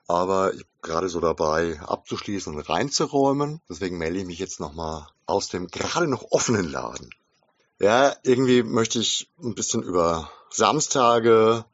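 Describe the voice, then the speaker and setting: Shop-owner guy musing into the mic, husky, kinda low, dead dry room. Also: sing-song, moderate pace, no room sound, muffled recording. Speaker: game shop owner and podcast host. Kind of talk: casual spoken podcast monologue with book reading. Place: inside his shop.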